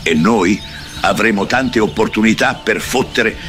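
Deep-voiced cranky old mountain grandpa played by a man. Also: measured pace, fairly bright tone, faint music behind. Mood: scheming. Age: older. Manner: grumpy, vulgar, threatening. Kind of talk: parody cartoon dub.

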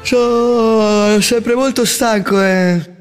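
A man's voice: high voice, fairly even intonation, extremely slow. An actor playing a hapless, naive, plaintive male patient in a radio comedy sketch. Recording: loud music under the voice.

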